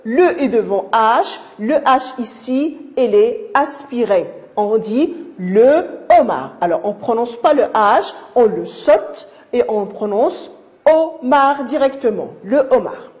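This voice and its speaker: Speaking affectionately to young children, a primary school teacher gives a recorded lesson in an animated, fairly high voice with a darkish tone. Her pace is slow and patient, and she often repeats and restarts words.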